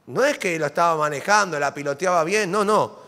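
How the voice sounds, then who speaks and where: In a church sanctuary, a pastor with an Argentine Spanish accent preaches a dramatic, animated sermon packed with rhetorical questions. His voice is on the high side and his pace is brisk. He uses a stage microphone, and the hall adds long reverb.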